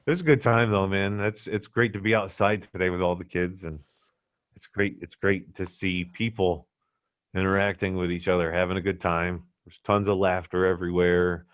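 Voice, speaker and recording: A slightly dull, dry recording of a man with a lowish voice. He chats in a laid-back stoner way, full of slang and swearing, like a podcast co-host swapping anecdotes. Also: steady tone, normal speed, no room sound. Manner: swears freely. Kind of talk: casual chat and anecdotes.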